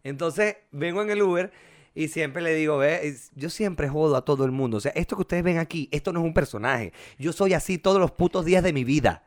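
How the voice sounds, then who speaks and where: A man's voice: fairly high pitch, brisk. A Venezuelan man in his twenties, co-hosting a casual chat and telling stories with jokes and playful voices. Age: 20s. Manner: joking, animated storyteller with playful voices. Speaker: podcast co-host.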